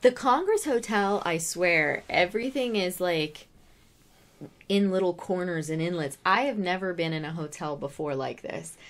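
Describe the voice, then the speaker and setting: Female co-host, slightly low pitch, casual chatty delivery, emphatic storyteller on a paranormal vlog. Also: normal speed.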